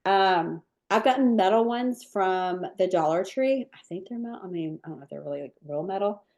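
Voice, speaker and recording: A low-voiced cookie decorating teacher moves briskly through viewer questions in a live webinar. She's chatty and relaxed throughout, using many ums and likes.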